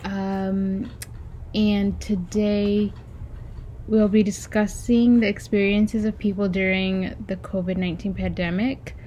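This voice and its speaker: A woman conducting an oral history interview, asking polite, measured questions with a few fillers. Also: mid-range voice, little pitch movement, mellow, a little hiss or hum.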